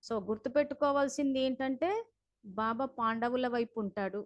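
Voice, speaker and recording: A woman's voice: sits high, normal speed, no room sound, muffled recording. A woman leading a spiritual class over a video call, talking earnestly and instructively while recounting heated phone calls.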